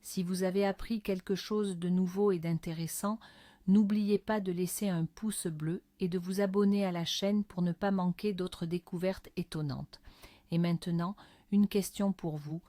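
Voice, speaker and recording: Casting: female nature documentary narrator, mellow and lower-pitched, measured explanatory delivery. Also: steady tone, no echo, studio quality. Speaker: narrator of an educational video.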